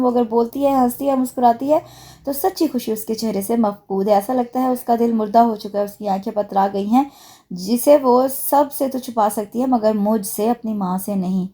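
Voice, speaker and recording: A woman's voice: on the high side, warm tone, close to an everyday voice. A woman voicing a worn, grieving middle-aged mother who pleads through tears in a storybook reading. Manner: pleading, broken voice.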